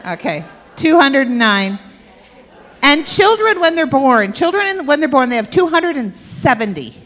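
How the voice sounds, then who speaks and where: A woman presenting a health workshop keeps things playful, quizzing and teasing her audience at a normal speed. Her somewhat high voice carries through a big church hall with a stage and aisle, leaving a long echoing tail.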